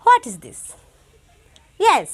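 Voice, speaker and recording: A woman with a Bangladeshi accent teaching young children English shapes, repeating words slowly and switching between Bengali and English. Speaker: primary school English teacher. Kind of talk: classroom lesson to young children.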